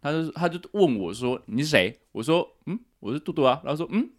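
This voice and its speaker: Quick-talking jokey podcast guest. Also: mid-range voice, animated. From Taiwan. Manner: quick, jokey, acts out his mother's panicked voice. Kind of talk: casual chat.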